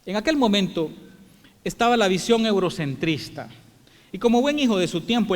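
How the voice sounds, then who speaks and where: A man from El Salvador giving a formal welcome address as president of an international congress, telling the story in a measured, reflective way. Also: sits high. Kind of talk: formal speech. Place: large theatre hall. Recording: long hall reverb.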